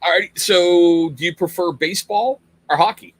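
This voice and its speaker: A man's voice: high voice, normal speed, dry recording. Upbeat man hosting a livestream. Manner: upbeat, reads viewer questions from chat. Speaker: host. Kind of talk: casual livestream interview.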